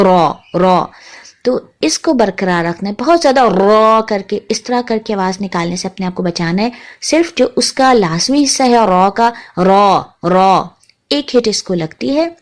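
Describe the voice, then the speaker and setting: A woman teaching a tajweed lesson, patiently naming letters one by one and repeating each sound slowly. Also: fairly high pitch, darkish tone. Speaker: Quran recitation teacher.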